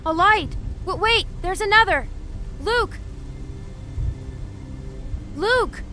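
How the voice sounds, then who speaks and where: A woman's voice: very high voice, expressive, drawn-out words, sharp tone, faint music behind, heavily acted. A woman voicing a blunt, guarded young girl in a dramatic video game. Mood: tense, alert. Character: wary, blunt young girl, small and brave.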